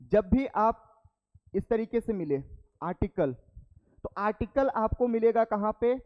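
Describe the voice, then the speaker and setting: Speaking unhurriedly, this young man has a high-pitched voice with lively intonation, though the audio is dull. In his classroom lecture he explains each step, repeats key terms, and asks "ठीक है" after every point.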